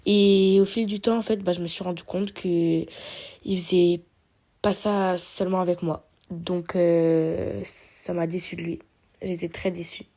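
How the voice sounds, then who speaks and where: A woman's voice: on the low side, flat delivery, unhurried, mellow. A young woman telling her story hesitantly, with frequent fillers. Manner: hesitant, many "euh" fillers. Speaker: testimony giver.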